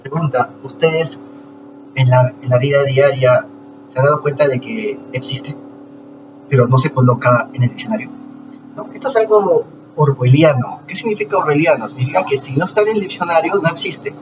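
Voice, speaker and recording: A man talking to his viewers in a casual lecture, explaining slowly with rhetorical questions and frequent restarts. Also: mid-range voice. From Peru. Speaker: channel host. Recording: distant lo-fi mic with noise.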